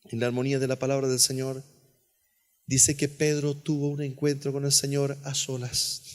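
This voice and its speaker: A male pastor preaching an earnest sermon, dropping to a hush on key phrases. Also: mid-range voice, level tone, moderate pace. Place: church sanctuary. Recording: long church reverb.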